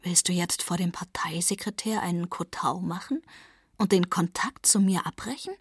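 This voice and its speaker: A woman reading the part of a defiant, cheerful young man who scoffs at authority, in a breathy voice. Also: lowish voice, normal speed, dry recording, studio quality. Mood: indignant. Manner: jubilant, unbothered by authority.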